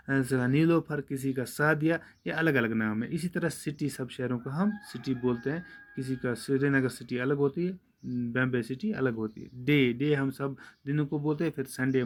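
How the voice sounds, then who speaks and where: Man, teacher, patient and repetitive, mid-pitched voice. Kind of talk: classroom lesson for children.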